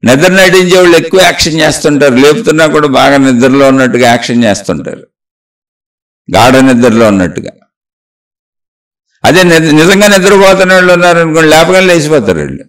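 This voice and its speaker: A man's voice: mid-range voice, lively intonation, quick pace, pauses often, recorded from a distance. A man giving a spiritual talk, preaching earnestly through a string of repeated rhetorical questions. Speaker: spiritual speaker.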